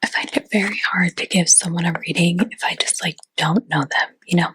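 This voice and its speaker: A woman's voice: fairly low pitch, fairly even intonation, a little fast, a bit bright, slight background noise, low-quality recording. A woman whispering in a chatty ASMR roleplay as a fortune teller, with lots of casual fillers.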